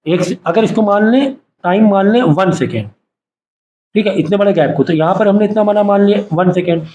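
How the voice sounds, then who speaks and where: A man's voice: high-pitched, a little fast, dark tone. A male science teacher giving a classroom lecture, asking the class short questions and having them repeat terms back to him. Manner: quizzes students with repeated call-and-response questions. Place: classroom with students.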